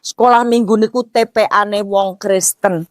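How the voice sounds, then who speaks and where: A woman in her sixties with a Javanese accent preaching a mosque sermon, posing rhetorical questions and rising to emphatic near-shouts. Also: medium pitch, fairly even intonation, measured pace, dry recording, studio quality. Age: 60s. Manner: slips Javanese words into talk.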